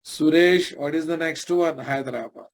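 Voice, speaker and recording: A man's voice: fairly high pitch, moderate pace. A man with a Telugu Indian accent giving an informal live programming lesson, often addressing his listeners directly and asking checking questions. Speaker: programming instructor.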